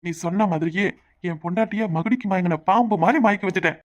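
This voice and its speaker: A woman's voice: medium pitch, fast talker, highs cut off, lightly acted. A woman voicing a sly, scheming village man in a cartoon, speaking with a Tirunelveli Tamil accent. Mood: boastful. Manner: sly, conspiratorial. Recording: cartoon dub with music underneath.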